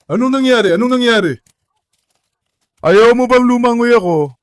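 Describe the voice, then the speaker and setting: Coaxing high-voiced man calling to dogs. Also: lively intonation, moderate pace, no echo, studio quality. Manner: coaxing, affectionate calls to his dogs. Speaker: vlogger and dog owner. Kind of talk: casual vlog talk to pets and viewers. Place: outdoors at a backyard pool.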